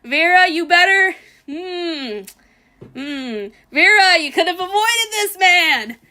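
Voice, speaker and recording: A high-pitched woman streamer with a bright, sharp tone talks over a video in a blunt, foul-mouthed rant. She mocks and mimics in a loose, casual reaction style. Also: animated, slow. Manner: blunt and profane, ranting, mocking; sarcastic mimicking voices.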